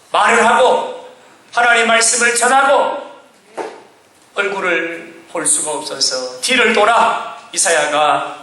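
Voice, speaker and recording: Male pastor, high bright voice, dramatic shouting sermon, strong church-hall echo. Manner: dramatic, acting out the king's and prophet's words, often shouting. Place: church sanctuary. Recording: echoey church hall with faint noise.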